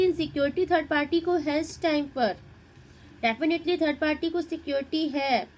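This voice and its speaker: Tarot reader, woman, high voice, muses over each card out loud. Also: slight background noise, rough recording. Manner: Hindi-English mix, addresses viewer directly, muses over cards. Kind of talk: tarot reading.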